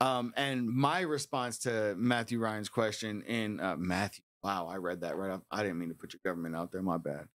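A man's voice: lowish voice, steady tone, normal speed, hardly any pauses, a bit bright, no room sound. A man co-hosting a sports podcast, talking through the game in a thoughtful, analytical way. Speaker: podcast co-host. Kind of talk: casual podcast talk.

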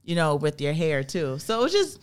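Woman podcast cohost, lowish voice, reflective and chatty, tells little stories. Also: sing-song, brisk, smooth. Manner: reflective, storytelling, many "right?" tags. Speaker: podcast co-host. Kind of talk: casual podcast chat.

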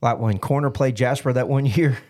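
Joking co-host, easy manner. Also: male voice, mid-range voice, darkish tone. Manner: quick with short agreeing replies and jokes. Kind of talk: casual chat.

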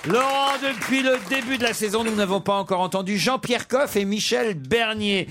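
A man's voice: high voice, moderate pace, fairly bright tone, some chatter behind, a little hiss or hum. A man hosting a radio call-in show, joking and laughing a lot. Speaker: radio host. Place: radio studio.

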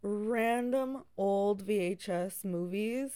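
A woman's voice: mid-range voice, slow pace, warm tone, smooth. A young woman co-hosting a podcast, reminiscing in an informal, giggly way with lots of "like". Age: young adult. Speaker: podcast co-host. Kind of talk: casual chat, reminiscing.

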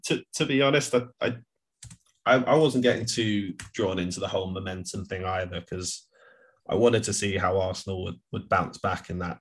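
A man co-hosting a podcast, chatting casually about football, rambling with lots of restarts and fillers. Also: low-pitched. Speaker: podcast co-host.

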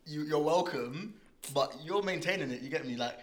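A man's voice: on the high side, moderate pace. A young man with an urban London roadman accent and heavy slang, chatting casually and boastfully as a podcast co-host. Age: young adult. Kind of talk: casual banter.

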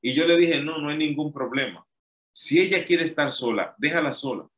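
A man's voice: a little high, lively intonation, normal speed, a bit bright. A man preaching an emphatic, repetitive sermon. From Dominican Republic.

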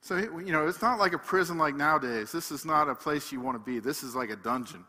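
A man preaching a sermon, emphatic, swinging between loud passages and hushed ones. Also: on the high side, lively intonation, quick pace, long reverb tail.

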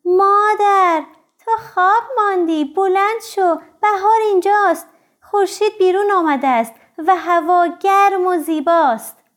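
High squealy little bear cub all excited, a woman doing it, storybook voice. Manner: high, loud excited calls.

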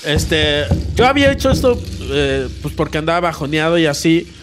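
A man with a Mexican Spanish accent telling a crude, animated anecdote on a casual comedy podcast, laughing and swearing as he goes. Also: a little high, normal speed, background noise. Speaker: podcast co-host.

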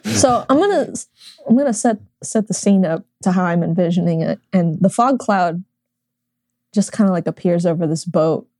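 Mellow-voiced woman playing a tabletop game. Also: on the low side, normal speed, dry recording, studio quality. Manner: casual, describing her character's actions. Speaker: player.

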